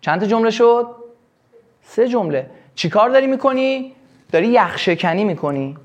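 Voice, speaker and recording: A man teaching a live sales workshop, explaining with quick acted examples. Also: sits high, animated. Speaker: sales trainer.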